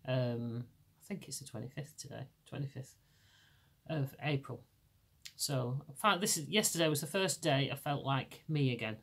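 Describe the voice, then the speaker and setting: Chatting casually on her podcast, a middle-aged English host speaks with a Lancashire accent at normal speed. Her deep voice remains hoarse after laryngitis, and she rambles with plenty of false starts.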